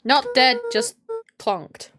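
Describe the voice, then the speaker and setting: A woman's voice: high voice, takes it slowly. Lady streamer goofing around over a story game, voice jumps all over, takes her time, music in the background. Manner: animated, swears, jokey asides. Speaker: streamer playing and reading dialogue. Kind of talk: casual game commentary and reading character lines.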